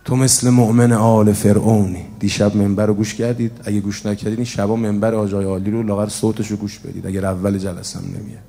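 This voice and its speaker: A man giving a religious sermon, telling a story in a soft, then emphatic way to a gathering. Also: on the low side, flat delivery, vocal fry, hardly any pauses. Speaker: preacher. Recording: long hall reverb.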